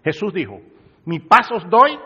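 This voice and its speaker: A man's voice: sits high, sing-song, measured pace, pushed and bright, breathy edge. A male pastor preaching a sermon in a church hall, talking to his congregation directly and conversationally. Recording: dull lo-fi recording with long hall reverb.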